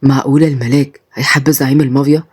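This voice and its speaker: A woman voicing a repentant former mafia boss, a young man speaking gently and earnestly in Egyptian Arabic. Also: rumbling low, steady tone, very fast, slightly rough, voice pushed down. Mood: tender.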